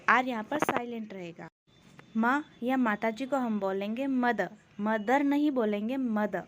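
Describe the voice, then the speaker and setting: A woman teaching English, explaining in Hindi and saying each English phrase slowly and carefully. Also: a little high, slight background noise. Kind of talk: spoken English lesson in Hindi.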